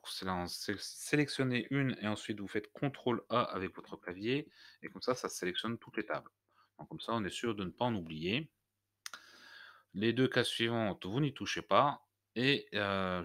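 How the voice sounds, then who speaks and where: A man walking viewers through a software tutorial step by step, hesitant and full of fillers. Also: on the low side. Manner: hesitant, many "heu" fillers, step-by-step explaining. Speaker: WordPress tutorial host. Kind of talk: screencast tutorial.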